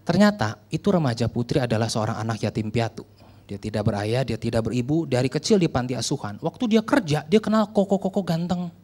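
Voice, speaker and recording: A man's voice: medium pitch, animated, a little fast, darkish tone. A male preacher telling a story in a sermon, conversational and joking, acting out the people in it.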